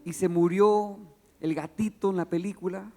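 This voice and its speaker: High-voiced man preaching in a reverberant hall. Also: moderate pace, soft background music. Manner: lively, asks the audience questions and reads scripture aloud. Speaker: youth preacher. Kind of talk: sermon.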